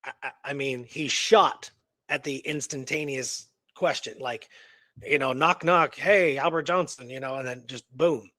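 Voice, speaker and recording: A man co-hosting a history radio show chats casually about a historical mystery in a mid-range, fairly even voice, a little slow and pushed bright. He muses with rhetorical questions and agreement-seeking tags, and there's no room sound.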